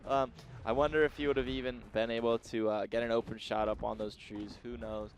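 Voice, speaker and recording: A man doing live esports commentary as a casual, excitable caster. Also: medium pitch, brisk.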